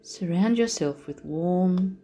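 A woman leading a guided meditation, speaking softly and soothingly as she talks the listener through relaxing the body. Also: fairly low pitch. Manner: slow, soft and soothing. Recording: soft music underneath.

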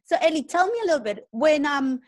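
A woman's voice: high-pitched, animated, fast. A woman hosting a podcast, chatting upbeat with her guest and often restarting her sentences. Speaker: podcast host. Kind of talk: casual interview.

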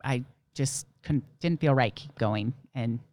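A woman's voice: rumbling low, unhurried, darkish tone. A young adult woman, a nurse and ultrarunner, telling stories in a casual interview, laughing easily. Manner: chatty storyteller, laughs often, many "like" and "you know". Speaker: ultramarathon runner and nurse guest.

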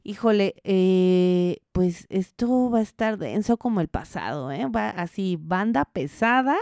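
A woman's voice: mid-range voice, animated, a little slow, creaky, darkish tone, dry recording, clean studio sound. Chatty Mexican woman podcaster with playful asides. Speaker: podcast host. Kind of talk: casual conversational monologue.

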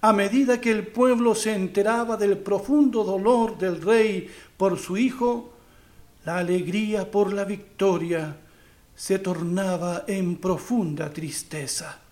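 A man with a fairly high voice delivers a sermon at an unhurried pace. He speaks earnestly and with emphasis, letting long pauses fall between his phrases. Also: fairly even intonation, a little mellow. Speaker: preacher.

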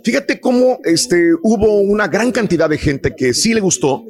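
A man's voice: high voice, animated, moderate pace, vocal fry. A man with a Mexican accent hosting a radio show in a conversational, emphatic way, repeating phrases for stress.

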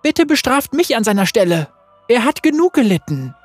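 A husky-voiced narrator playing a frightened young male pupil who pleads anxiously. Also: mid-range voice, expressive, unhurried, a little mellow, no room sound, soft background music. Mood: pleading. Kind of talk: read-aloud storytelling.

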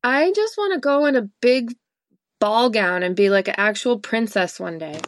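A woman from Massachusetts, a podcast guest chatting casually, giving brief, soft-spoken answers and laughing often. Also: fairly high pitch, animated, moderate pace, no room sound. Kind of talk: casual chat.

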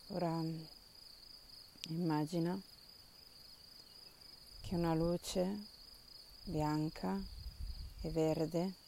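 A woman guides a meditation softly and soothingly, leaving long pauses. Her tone is mellow and stays very level, with little melodic movement. Faint outdoor ambience with crickets sits behind her voice. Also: low-pitched, vocal fry, slight background noise. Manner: soft, calm, soothing instruction with long pauses.

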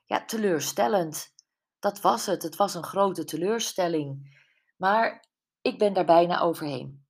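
A woman's voice: lowish voice, measured pace, breathy edge. A woman voicing Brenda, a candid, self-mocking friend, in an audiobook. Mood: rueful. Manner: wry, emotional, tearful at times. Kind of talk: audiobook character voice.

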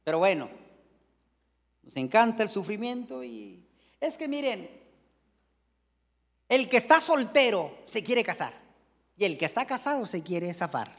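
A middle-aged preacher with a strikingly high voice for a man delivers a folksy, joking sermon and keeps turning to his congregation. His words ring out with a long reverb through a church hall. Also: very animated, a little slow, pauses often, fairly bright tone.

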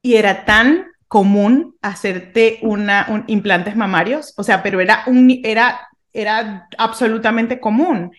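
Speaking at a measured pace and medium pitch, this thirty-something woman from Venezuela muses on faith as a podcast co-host. The talk is casual and reflective, and she frequently breaks off to begin her sentences again.

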